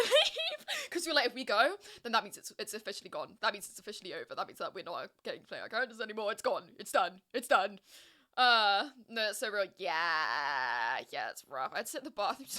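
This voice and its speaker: A woman's voice: on the high side, sharp tone. A young woman streamer chatting casually and emotionally with her live chat, reading messages aloud and gushing. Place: home streaming setup with music playing.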